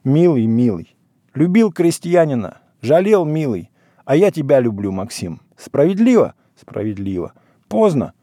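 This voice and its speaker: A man reading a story aloud, voicing a big, powerful village priest with a booming, preaching manner. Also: very animated, a little slow, warm tone, no echo, studio quality. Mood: brooding. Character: big, powerful, hard-drinking village priest, grieving and wild. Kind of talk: literary reading.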